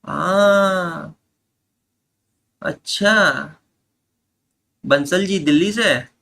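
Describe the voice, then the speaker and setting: Brief: upbeat man running a live online class, slow and deliberate, bright voice, jokes with students. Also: high voice, creaky. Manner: banters with students, mixes Hindi and English. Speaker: online commerce teacher.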